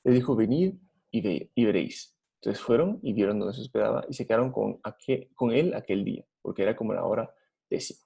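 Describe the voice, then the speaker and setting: A man's voice: on the low side, quick pace, vocal fry, warm tone, slightly rough. A man with a Guatemalan Spanish accent preaching a Bible study sermon, earnest and putting rhetorical questions to his listeners.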